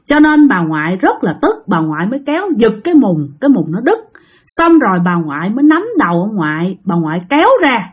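A woman's voice: medium pitch, very animated, fairly quick, breathy edge. A woman narrating a ghost story in a chatty way, addressing her listeners directly.

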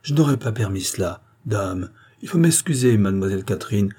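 A man's voice: fairly low pitch, expressive, a little fast, mellow, slightly rough. A man voicing a kindly, fussing old male farm gamekeeper, talking in an eager, emphatic way.

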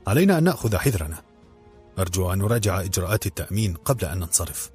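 A man voicing a serious female political activist in an audiobook, earnest and grave, with a husky, low voice. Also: sing-song, racing, darkish tone, soft background music, exaggerated voice.

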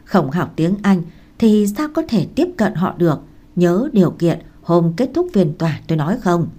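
A woman narrating a romance novel in an even, measured storytelling voice. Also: on the low side.

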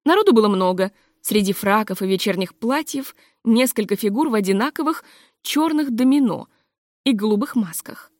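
A woman narrating a literary memoir as an audiobook, in calm, measured storytelling, close to the mic. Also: mid-range voice, no room sound.

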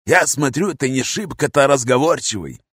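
A man doing a hoarse, gruff street vagrant. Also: mid-range voice, animated, fairly bright tone, no room sound, clean studio sound, pitched above the performer's own voice. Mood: chatty. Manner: slangy, coarse, drawn-out talk. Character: gruff streetwise male vagrant, talkative and bossy.

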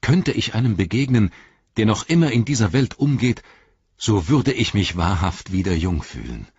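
Earnest elf, male, eager and lifted, husky edge, a male reader voicing him; lo-fi audio. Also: sits low, very animated, moderate pace, darkish tone, no echo, full character voice.

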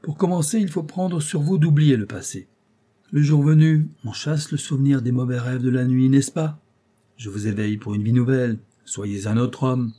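A man's voice: mid-range voice, moderate pace, dark tone, lightly acted. A man reading an audiobook, voicing a scheming aging job broker who talks in a coaxing, lecturing, ironic way. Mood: paternal. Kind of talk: audiobook character voice.

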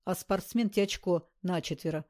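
A woman voicing a loud, boastful male gangster who talks in rough slang. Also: lowish voice, a little fast, close to an everyday voice. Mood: boisterous.

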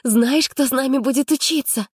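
Gossipy college girl, high and gushing , read by a woman, loud and breathless. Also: animated, a little fast, no room sound, clean studio sound. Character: gossipy excitable young female student.

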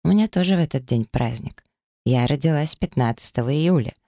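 A man's voice: fairly high pitch, expressive, brisk, warm tone, dry recording, clean studio sound. A man voicing a tender young woman. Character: young woman, affectionate but easily hurt. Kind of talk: audiobook character reading.

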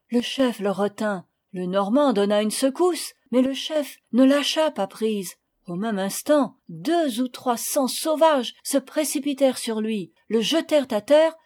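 A woman reading a children's novel aloud, with calm, measured storytelling that rises in dramatic moments. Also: a little high. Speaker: audiobook reader. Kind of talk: scripted narration.

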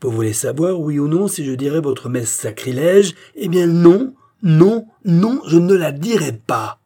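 Guy reading out a scornful priest yelling curses, husky, dark tone, storybook. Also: fairly high pitch, expressive, normal speed, pitched above the performer's own voice. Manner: hurls curses, sneering. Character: insolent angry old country priest, scornful. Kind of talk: audiobook reading.

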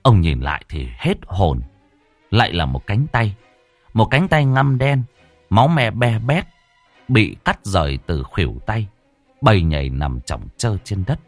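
Brief: expressive male horror narrator, low and animated, faint music behind. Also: a little slow, dry recording. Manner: expressive storytelling. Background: faint background music.

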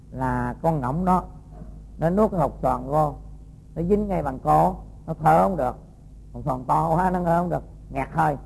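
A man, a Buddhist monk telling a moral story to young students and quizzing them in a lively, folksy way. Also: on the high side, creaky, slight background noise, low-quality recording.

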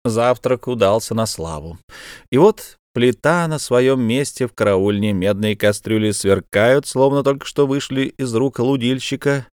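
A man's voice: mid-range voice, dry recording. Man reading a novel aloud, dry sound. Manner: steady storytelling, lifts voice for characters' lines. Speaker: audiobook narrator. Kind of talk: scripted narration.

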